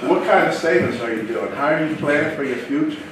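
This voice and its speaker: A man giving an animated, repetitive motivational sales talk to a seminar audience. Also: on the high side, fast. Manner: animated, repetitive, preacher-like rhythm. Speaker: seminar speaker. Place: event hall with live audience. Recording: echoey hall, far from mic, noisy room.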